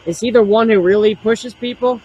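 A man hosting a paranormal investigation vlog outdoors, putting questions to spirits in a husky voice. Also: high voice, steady tone, a little fast, warm tone, muffled recording. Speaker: ghost-hunting vlog host. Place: outdoors in a cemetery at night.

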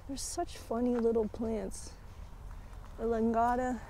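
A woman's voice: a little high, flat delivery, takes it slowly, warm tone, a little hiss or hum. Chatty woman touring a plant nursery. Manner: chatty, enthusiastic, thinking aloud. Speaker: plant vlogger. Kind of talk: casual walkthrough narration.

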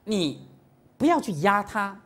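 A woman Buddhist teacher giving a lively Dharma lecture, often dropping into a soft chant to demonstrate. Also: medium pitch, a little slow. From Singapore. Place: lecture hall.

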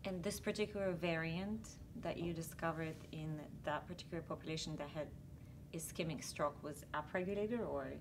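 Hesitant woman interviewer, lowish voice. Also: background noise. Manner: halting, hesitant phrasing with um fillers. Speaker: interviewer, assistant professor. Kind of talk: scientific interview. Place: conference interview booth, indoors.

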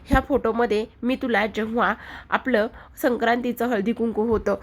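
A woman's voice: on the high side, steady tone, moderate pace. A woman voicing a bold, quarrelsome young wife who teases and scolds her husband. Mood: teasing. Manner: scolding, argumentative.

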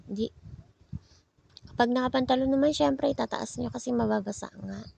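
A woman's voice: fairly high pitch, normal speed, gravelly, dark tone, breathy edge. A woman from Bicol narrating her vlog in a chatty, playful, self-mocking way. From Bicol, Philippines. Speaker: vlogger. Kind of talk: casual vlog voice-over narration.

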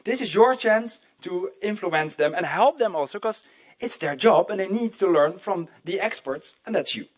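A middle-aged man hosting a live conference event, his voice sitting high. He keeps it casual and jokey and talks straight to the people in the room. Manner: chatty, jokey, addresses the audience directly. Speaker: event moderator. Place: conference hall.

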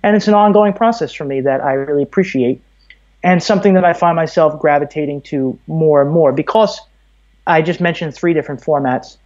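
This thirty-something American man from Brooklyn, an audio producer, is a guest on a casual podcast, giving long explanations. He talks a little fast in a fairly high, slightly mellow voice, over somewhat muffled, dull audio.

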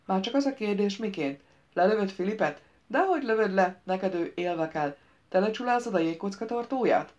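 A woman voicing a dry, witty, sarcastic woman in an audiobook, speaking in a measured, lecturing way. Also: medium pitch, expressive, darkish tone, highs cut off, lightly acted. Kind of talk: audiobook character reading.

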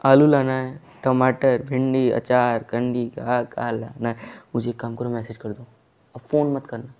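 A man's voice: mid-range voice, level tone, moderate pace, smooth, muffled recording. A young man performing a comic sketch of one-sided phone calls, exasperated and repeatedly restarting his greeting. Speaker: comedy sketch creator. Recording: loud background music.

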